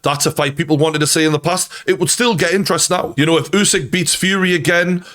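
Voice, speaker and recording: A man's voice: on the high side, fairly even intonation, fast, fairly bright tone. A man giving conversational, opinionated sports reaction commentary, emphatic and prone to swearing.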